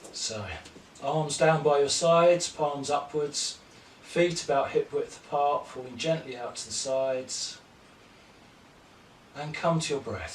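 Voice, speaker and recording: Male yoga teacher, soft and unhurried guided instruction, recorded from a distance in an echoey room. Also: medium pitch, slight background noise. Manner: slow, gentle, calm cueing of breath and poses. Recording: roomy echo, distant mic, faint ambience.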